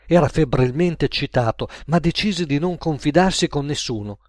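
A man's voice: fairly high pitch, dry recording. Man narrating a comic tale, dry sound. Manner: measured, wry storytelling. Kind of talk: storybook narration.

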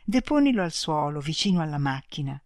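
A reader voicing two kind, dying alien beings who speak slowly and gently in an audiobook. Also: mid-range voice, sing-song, no room sound, studio quality. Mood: sad. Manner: slow, gentle, speaking in unison. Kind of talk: audiobook reading.

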